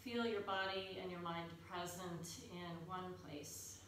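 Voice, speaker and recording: Echoey, distant woman guiding yoga calmly. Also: fairly low pitch. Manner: calm, unhurried, soothing guiding delivery. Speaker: yoga instructor. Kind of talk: guided yoga class instruction. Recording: echoey room, distant mic, faint noise.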